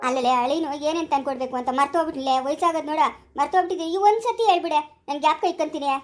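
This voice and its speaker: A stubborn, forgetful old grandmother from a village cartoon, voiced by a woman, scolding in a rural Chikkaballapura Kannada accent. Her voice sits very high and her words come quickly. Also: soft background music, natural voice. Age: older. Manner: scolding, sharp-tongued.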